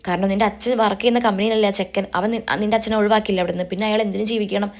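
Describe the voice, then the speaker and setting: A woman's voice: mid-range voice, fairly even intonation, racing, natural voice. A woman voicing a domineering middle-aged mother who scolds and pressures her daughter, in a retold TV serial. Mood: angry, scolding.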